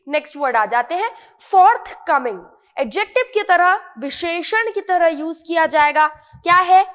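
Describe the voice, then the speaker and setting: An Indian woman teaching English vocabulary in an online lesson, explaining patiently, repeating each word and checking often that it is clear. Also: extremely high pitch, lively intonation, measured pace, a bit bright, long reverb tail.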